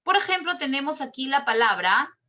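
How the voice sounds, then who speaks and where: A woman's voice: sits high, sing-song, pushed and bright, highs cut off. A woman teacher explaining a lesson in an online class, patient and step by step, checking with questions as she goes. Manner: slow and drawn out. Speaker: language teacher.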